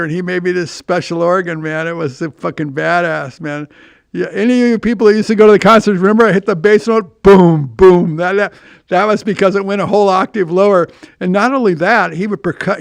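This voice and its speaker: An older man talks through his podcast in a loose, rambling monologue, often swearing and doubling back on his words. His voice sits high for a man, with a gravelly rasp that still stays clear. The sound is dry and close. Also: no room sound. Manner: rambling, profane, repeats words. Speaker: podcast host. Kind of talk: casual monologue.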